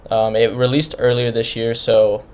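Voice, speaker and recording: A man's voice: medium pitch, little pitch movement, normal speed, darkish tone. A man giving an informal, rambling album review, talking casually with many restarts. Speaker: music reviewer.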